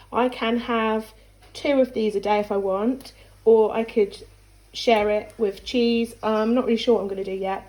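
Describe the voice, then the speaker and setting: A woman's voice: on the high side, darkish tone. A woman chatting upbeat to the camera in a casual vlog, talking from her home kitchen. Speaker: vlogger.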